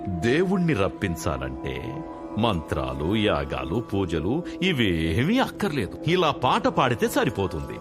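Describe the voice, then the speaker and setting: An actor playing a man who slowly coaxes others to call on a god, in a dubbed film. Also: on the low side, huge pitch swings. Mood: coaxing. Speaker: film character. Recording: film mix with loud music and crowd.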